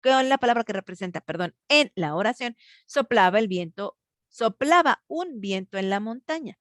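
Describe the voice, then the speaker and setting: A woman's voice: mid-range voice, lively intonation, moderate pace, fairly bright tone, no echo, studio quality. A woman teacher, patiently walking students through a grammar lesson over a video call. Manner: patient, explains step by step, asks students for answers. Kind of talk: online grammar class.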